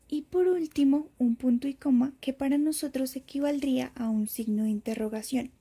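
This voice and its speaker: A woman narrates a prepared lesson at an unhurried, careful pace, spelling out each point for her students. Her voice sits a little high but sounds mellow and soft. A breathy edge runs through it. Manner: slow, careful explanatory delivery. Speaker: teacher.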